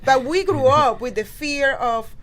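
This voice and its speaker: Venezuelan lady, spanish accent, kinda high voice, fired up and emphatic, lots of restarts. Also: unhurried. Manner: animated, emphatic, with many restarts. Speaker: political candidate guest. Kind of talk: casual interview talk.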